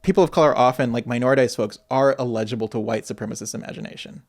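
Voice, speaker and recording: Guy in his 30s, gravelly voice, chatting on a podcast, reflective storyteller who gets animated. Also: mid-range voice, very fast. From grew up in Asia and Michigan. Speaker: guest artist. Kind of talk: casual interview.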